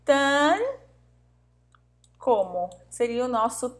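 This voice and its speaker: High-voiced woman teaching patiently. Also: expressive. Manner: patient, repeats words slowly, checks in with "tá?" and "vale?". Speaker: Spanish teacher. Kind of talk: online language lesson.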